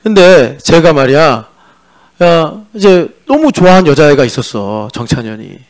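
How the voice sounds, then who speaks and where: A man's voice: fairly high pitch, sing-song, normal speed. A male pastor preaching a sermon in a chatty, joking way, teasing his congregation. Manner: mixes in sung-style English lyric lines. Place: church sanctuary.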